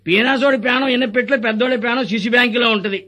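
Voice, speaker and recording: An actor playing a scheming, greedy hospital doctor in a stage comedy, firing off rustic wisecracks. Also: male voice, very high voice, sharp tone, exaggerated voice. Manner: rapid wisecracking, rustic dialect.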